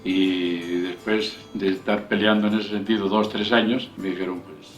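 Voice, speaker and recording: An older man from Spain telling his story as an interviewee, halting and repeating words. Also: on the low side, level tone, faint music behind. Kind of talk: personal recollection. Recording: roomy, from a distance.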